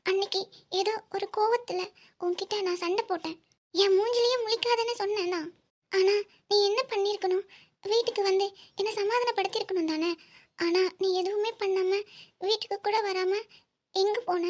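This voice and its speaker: A heartbroken young woman in love, voiced by a woman for a cartoon, speaking in a very high, thin voice. She talks in long, emotional, pleading runs, sensitive and proud. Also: fairly even intonation, normal speed, pauses often. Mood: pleading, sad. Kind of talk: cartoon voice acting.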